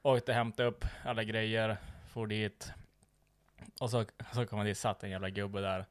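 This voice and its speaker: A man's voice: on the low side, flat delivery, smooth, dry recording. A man telling a work story in casual chat, swearing freely and acting out what people said. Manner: swears a lot, acts out quoted dialogue.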